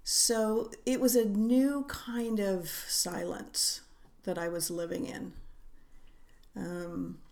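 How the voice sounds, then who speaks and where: A middle-aged woman, a writer who is a guest on a podcast, talking reflectively in an unhurried, musing way with frequent hesitations. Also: mid-range voice, fairly even intonation, darkish tone. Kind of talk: reflective conversational interview.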